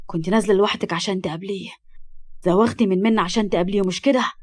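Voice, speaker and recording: A woman's voice: mid-range voice, racing, natural voice. A woman doing a jealous, harsh young husband. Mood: angry. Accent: Egyptian Arabic. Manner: harsh, threatening.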